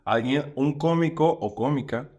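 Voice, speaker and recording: A man, a stand-up comedian chatting casually as a podcast guest, slangy and animated, with lots of fillers. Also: on the high side, measured pace, dull audio.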